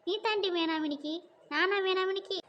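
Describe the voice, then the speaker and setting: A cheeky cartoon little sister talks back with mocking, defiant jabs in a very high voice, voiced by a woman. The sound is slightly dull and lo-fi, with a faint hiss behind it. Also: brisk, a bit bright. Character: cheeky sharp-tongued younger sister. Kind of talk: cartoon voice acting.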